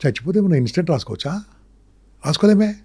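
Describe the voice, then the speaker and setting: A man's voice: fairly high pitch, big pitch swings, quick pace, warm tone, breathy edge. A man, a public speaking trainer, talking emphatically in an interview and firing off rhetorical questions and lists. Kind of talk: motivational interview talk.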